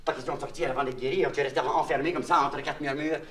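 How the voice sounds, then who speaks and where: A slightly high, fairly bright male voice, natural and steady in tone, races along in a comic monologue. The Québécois comedian plays a naive, childlike wandering clown who rambles, confides in the listener and mangles words into puns, heard on a noisy, echoey, distant old LP.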